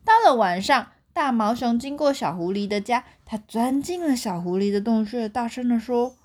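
A young woman with a Taiwanese Mandarin accent reads a picture book aloud to her child at bedtime. Her voice sits slightly high. It swoops expressively through the story. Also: animated, moderate pace, darkish tone. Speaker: parent reading to a child.

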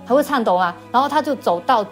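A woman giving a personal faith testimony as an interview guest. She speaks haltingly, repeating words and restarting often. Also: a little high, expressive, faint music behind.

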